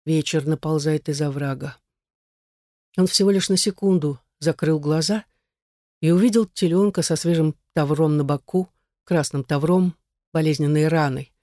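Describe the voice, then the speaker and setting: An audiobook narrator with a mid-pitched voice, reading in a measured, dramatic way. The sound is dry and close. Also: mellow, no room sound.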